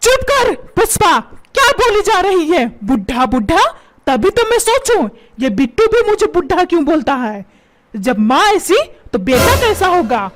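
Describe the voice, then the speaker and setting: A woman's voice: very high voice, sing-song, unhurried, heavily acted. A woman voicing a short-tempered middle-aged father in a cartoon, scolding and repeating insults. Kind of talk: Hindi cartoon voice acting. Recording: loud background music.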